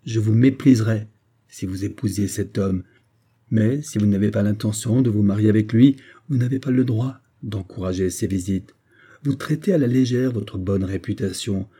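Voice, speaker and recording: An earnest young man confronting someone with urgent reproach, voiced by a male reader. The tone is dark and somewhat husky, pitched a touch higher than the narration. He sounds like the righteous hero of a period novel. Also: normal speed. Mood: reproachful.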